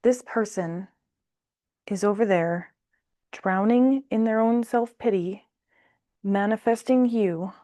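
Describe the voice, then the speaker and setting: A woman talks slowly through a tarot spread, thinking aloud and speaking bluntly with open exasperation. Her voice sits at an ordinary pitch. The sound is close and dry, with no room echo. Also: warm tone. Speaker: tarot reader. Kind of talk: casual tarot reading.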